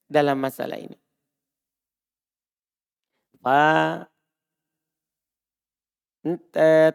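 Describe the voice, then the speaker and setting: A man's voice: high voice, creaky, dry recording, clean studio sound. A man teaching a grammar lesson, explaining phrases step by step and checking that his students follow. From Indonesia. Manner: switches between quoted phrases and plain explanation, asking "paham kan?". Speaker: Arabic teacher.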